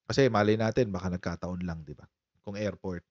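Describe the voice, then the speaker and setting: A man's voice: low-pitched, fairly even intonation, fairly quick, a little mellow, no echo. A man hosting a casual live-stream political commentary, chatty and laughing often as he talks to his viewers. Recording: dull, muffled lo-fi sound.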